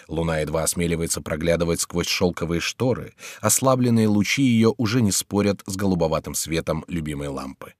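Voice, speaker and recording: A man narrating a historical novel as an audiobook in an expressive, measured storytelling way. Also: deep voice, no room sound, studio quality.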